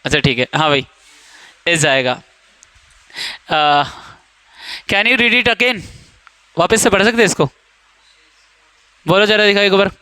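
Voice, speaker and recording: Young male coaching-class teacher, high clear voice, playful and teasing with students, dry classroom sound. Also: expressive, takes it slowly, pauses often, bright, forceful tone, no echo. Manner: joking, teasing students, quizzing them by name. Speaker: English teacher. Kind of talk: classroom grammar lesson.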